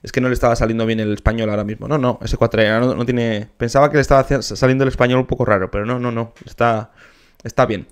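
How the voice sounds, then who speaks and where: Musician guy reacting to a video, excited, breaks into little bits of singing, mid-pitched voice. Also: racing, clean tone. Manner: enthusiastic, sings short snatches to demonstrate. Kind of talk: casual reaction commentary.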